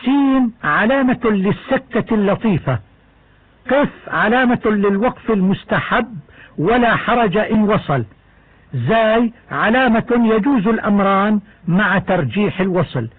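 A man with a high voice explains the rules of Quran recitation in a measured, step-by-step way. The sound is dry and narrow, like an old radio broadcast heard through a small speaker. He talks like a patient teacher going through each rule in turn. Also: lively intonation, breathy edge, no echo.

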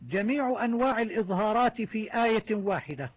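A man teaching the rules of Quran recitation, explaining each point in a methodical, measured way. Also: high voice, lively intonation. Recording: narrow tinny phone-like sound.

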